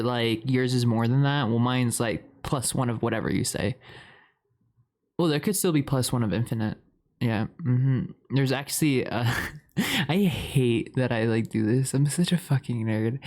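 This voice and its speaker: In this improvised ASMR roleplay, a young man with a medium-pitched, slightly mellow voice acts as a talkative boyfriend who is head over heels. He rambles, giggles, swears frequently and hams it up playfully.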